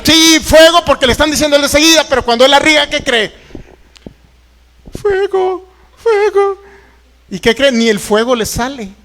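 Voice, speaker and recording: A man's voice: extremely high pitch, fast talker, few pauses, a bit bright, long reverb tail. A man preaching a sermon to an online audience, emphatic and mocking, with frequent exclamations.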